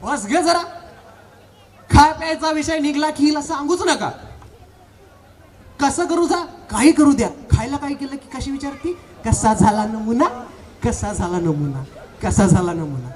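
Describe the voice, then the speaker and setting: A man's voice: very high-pitched, unhurried, pauses often, darkish tone. A man playing a nagging rustic husband. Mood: grumbling. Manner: nagging, gruff, repeats himself. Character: impatient rural village husband, grumbling and joking. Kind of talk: comic stage play.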